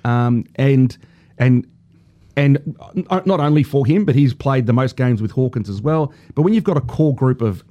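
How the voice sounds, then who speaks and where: A man's voice: medium pitch, moderate pace, warm tone, dull audio. A man with an Australian accent giving casual football commentary as a panellist on a sports show.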